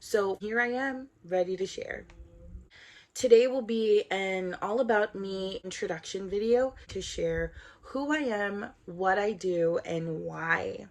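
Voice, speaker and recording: A woman's voice: medium pitch, slow pace. A woman in her twenties from Southern California, introducing herself in an earnest, upbeat scripted vlog. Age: 20s. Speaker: vlogger.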